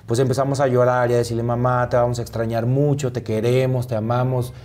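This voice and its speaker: A man, an interview guest, telling a personal story in a soft, halting way with many pauses and fillers. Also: mid-range voice, little pitch movement.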